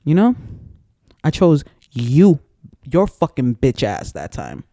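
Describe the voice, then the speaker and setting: A man's voice: mid-range voice, huge pitch swings, slow, gravelly, warm tone, no echo, clean studio sound. A man in an angry, profane, rambling personal rant to camera, repeating himself as he gets worked up. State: emotionally worked up.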